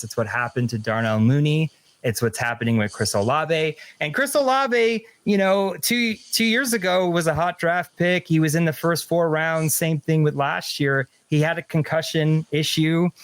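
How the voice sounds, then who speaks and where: A man's voice: a little high, normal speed. Jokey, insistent man co-hosting a podcast. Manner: joking, insistent, laughs often. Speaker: podcast co-host. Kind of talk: casual fantasy sports chat.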